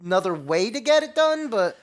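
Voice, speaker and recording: A man co-hosting a podcast, explaining things in a halting, rambling way during casual banter. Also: high voice, very animated. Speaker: podcast co-host.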